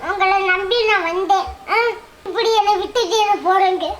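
A woman's voice: very high voice, fairly even intonation, normal speed, a loud crowd. A woman with a southern Tamil accent playing a tearful young village wife who pleads with her husband not to leave her. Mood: tearful pleading. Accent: southern Tamil Nadu. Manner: pleading, whining. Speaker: skit actor. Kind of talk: comedy skit acting. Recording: roomy with faint ambience.

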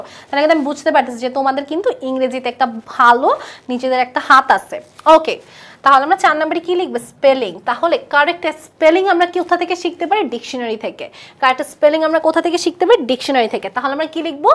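A woman's voice: high voice, fairly bright tone. A woman, teaching a live online English lesson, asking students questions and repeating their answers. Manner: reads English test sentences slowly.

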